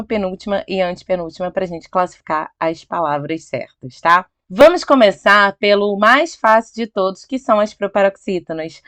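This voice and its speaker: A middle-aged Brazilian woman teaches Portuguese grammar over slides in a chatty way, checking in often with her viewers with "tá?" and "ok?" and slowly drawing out key words for emphasis. Her voice is fairly low and fairly bright, and the recording is dry.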